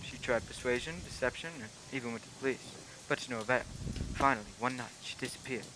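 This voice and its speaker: A man's voice: medium pitch, fairly even intonation, fast, natural voice. A man playing a genial, loyal doctor who courteously tells his old adventures in a radio play. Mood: storytelling. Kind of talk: old-time radio play narration and dialogue. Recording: clearly noisy background.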